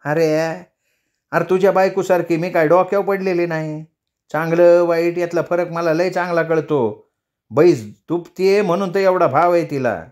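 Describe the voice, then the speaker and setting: A man's voice: fairly high pitch, steady tone, normal speed, a little mellow, voice pushed up, close to an everyday voice. A male storyteller voicing a quarrelsome village woman, the hero's elder sister, with a scolding, taunting manner.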